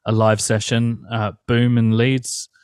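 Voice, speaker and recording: A young metal band vocalist, guesting in a casual interview, speaks slowly in a mid-range, level, slightly mellow voice. He rambles, laughs easily, and leans heavily on "like", with a clean tone, dry, studio-quality audio.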